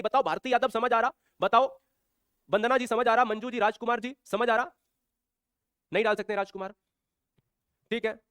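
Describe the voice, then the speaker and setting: Male online teacher, quick and high, lively and teasing, dry close sound. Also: no room sound. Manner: lively, teasing, addresses viewers by name. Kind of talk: live online class lecture.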